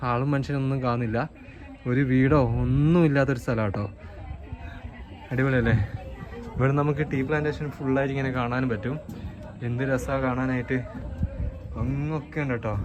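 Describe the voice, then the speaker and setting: Chatty man vlogging outdoors. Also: mid-range voice. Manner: chatty, guiding viewers, often tags sentences with "you know". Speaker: travel vlogger. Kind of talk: casual travel narration. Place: outdoors on a tea estate, hills and a village market.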